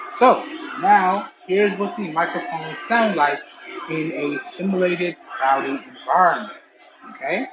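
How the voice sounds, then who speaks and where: A man's voice: a little high, noisy background. A man chatting casually to viewers in a product review, heard through a Bluetooth earbud microphone. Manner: chatty, addresses viewers as y'all. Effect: recorded through Bluetooth earbud mic. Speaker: tech reviewer. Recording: dull lo-fi Bluetooth earbud mic.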